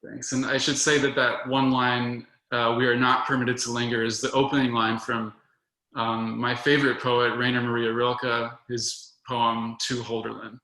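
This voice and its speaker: Male poet reading own work, steady flat delivery, bright gravelly voice, roomy echo. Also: medium pitch, normal speed. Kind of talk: poetry reading.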